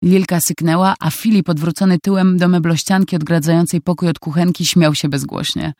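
A narrator reading a novel aloud in calm, even scripted narration. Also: mid-range voice, a little fast, no room sound, studio quality.

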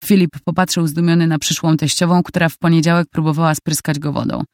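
A narrator reading a novel aloud in calm, even scripted narration. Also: mid-range voice, fast talker, dry recording, clean studio sound.

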